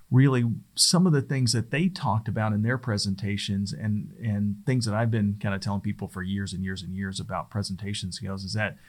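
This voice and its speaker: A middle-aged man teaching presentation skills in a casual, conversational way, often restarting his sentences. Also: lowish voice. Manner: conversational, loose and rambling, often restarts phrases. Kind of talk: casual spoken lesson.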